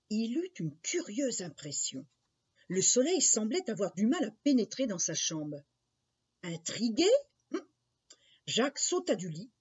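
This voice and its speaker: A woman narrating a children's fairy tale in an expressive, unhurried storybook style. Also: mid-range voice, slightly rough. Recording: dull lo-fi recording.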